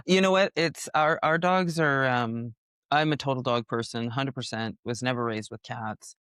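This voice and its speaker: A woman's voice: rumbling low, normal speed, a bit bright, clean tone, no echo, clean studio sound. A woman hosting a podcast, chatting in an upbeat, rambling way with lots of fillers and restarts. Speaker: podcast host. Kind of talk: casual podcast chat.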